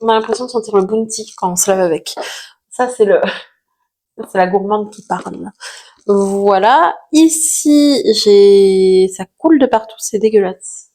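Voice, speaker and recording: A woman's voice: medium pitch, measured pace, darkish tone. A woman chatting casually to camera about used-up products, self-mocking, with lots of fillers. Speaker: vlogger reviewing finished products.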